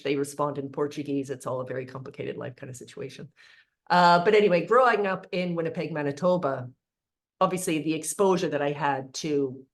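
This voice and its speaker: A woman, giving an informal, earnest talk on leadership with chatty asides. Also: deep voice. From Canada (born in South Africa). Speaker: leadership speaker.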